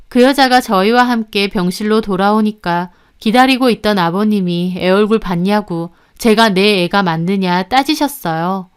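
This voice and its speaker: A woman narrating a first-person family drama story in a steady, scripted reading voice. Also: mid-range voice, smooth.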